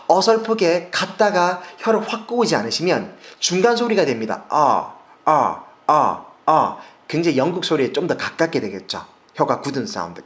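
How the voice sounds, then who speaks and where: A South Korean man in his forties, with a voice on the high side, teaches English pronunciation in a video lesson, emphatically repeating sounds for drills.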